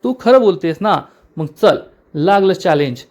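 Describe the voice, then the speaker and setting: A proud, scheming village matriarch, quick to threaten and then plead with theatrical self-pity, as a man reading the story puts her on. The voice sits a touch high and stays close to the storyteller's own. It is a retold television plot rather than full acting. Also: lively intonation, darkish tone. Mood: defiant. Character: scheming middle-aged village mother, quarrelsome and proud.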